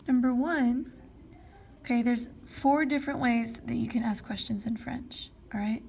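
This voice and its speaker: A woman's voice: a little high, unhurried, vocal fry, a little mellow, breathy edge. A woman teaching a French grammar lesson, explaining step by step and often checking in with "okay?" and "all right?". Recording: faint background noise.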